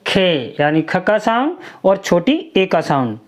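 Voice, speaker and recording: A woman teaching a children's alphabet lesson, slowly sounding out each syllable and asking the listener to repeat it. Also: medium pitch, big pitch swings.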